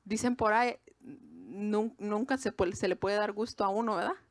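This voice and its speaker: This is a preacher, a woman from Mexico with a Mexican accent, delivering a relaxed sermon at a women's gathering and speaking in asides to those listening. Her voice is mid-range at a moderate pace, captured with clean studio sound and no echo.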